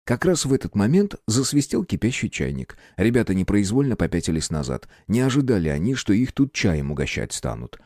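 A man narrating an audiobook in an expressive reading style. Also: on the low side, a little fast, few pauses, no room sound, studio quality. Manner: expressive reading, acts out voices.

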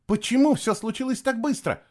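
A man reading an audiobook, voicing an eager young boy who pleads and shouts urgently. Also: very high voice, fairly quick, voice pushed up. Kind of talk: audiobook narration.

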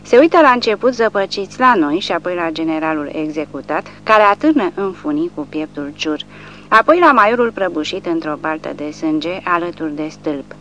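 A woman narrating an audiobook in a measured, dramatic reading, on a dull lo-fi recording with a faint hum. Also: fairly low pitch, lively intonation, a bit bright. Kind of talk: scripted narration.

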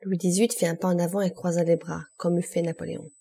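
A woman narrating a classic novel as an audiobook, reading in a measured, unhurried way. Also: fairly low pitch, little pitch movement, creaky, mellow, husky.

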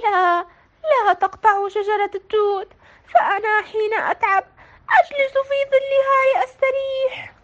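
A woman's voice: extremely high pitch, normal speed, a bit bright, lo-fi sound, voice pushed up. A woman voicing an old village woman who pleads not to cut the tree. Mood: pleading.

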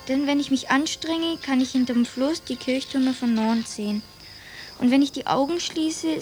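A woman playing an earnest, precocious young boy in a radio play, dictating slowly and deliberately with the punctuation spoken aloud. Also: high voice, darkish tone, lightly acted, rough recording. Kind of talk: German radio play acting.

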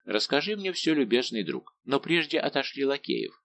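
A man's voice: medium pitch, sing-song, moderate pace, vocal fry, fairly bright tone, pitched above the performer's own voice. A man voicing a bold, cheerful male musketeer who banters and exclaims, in an audiobook. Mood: eager. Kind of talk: audiobook character voice.

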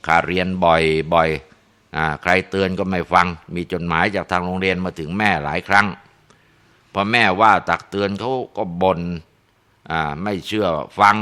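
A man narrating a ghost story in a relaxed way, with frequent tag particles and filler sounds. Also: deep voice, normal speed, smooth.

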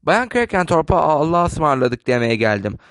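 A polite, chatty elderly spinster, kindly on the surface but sharp underneath, read aloud by a man. The voice sits a touch high with a dry, close sound and no room around it. A storybook reading paced calmly. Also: moderate pace, dry recording. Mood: gentle. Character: elderly English spinster woman, gentle and shrewd.

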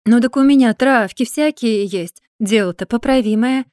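A woman's voice: on the high side, normal speed, darkish tone, no room sound, clean studio sound, natural voice. A woman voicing a cheerful, crafty old witch who talks in a folksy, grandmotherly way. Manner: folksy, chatty, bursts into indignation.

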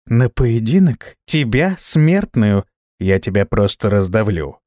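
A man's voice: on the low side, big pitch swings, slow, warm tone, no room sound, clean studio sound. A man voicing an arrogant, vengeful female vampire who speaks haughtily, in a storybook reading. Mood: haughty. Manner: haughty, indignant.

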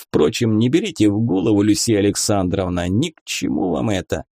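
A man reading a story aloud, voicing a gruff young ensign who speaks in short, blunt lines. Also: lowish voice, very animated, a little fast, warm tone, dry recording, clean studio sound, heavily acted. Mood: curt. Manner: curt, clipped, gruff.

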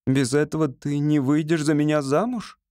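A man's voice: fairly high pitch, steady tone, moderate pace, darkish tone, no room sound, clean studio sound, pitched above the performer's own voice, close to an everyday voice. A man voicing a passionate young winged man in an audiobook reading, speaking ardently. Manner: ardent, impassioned.

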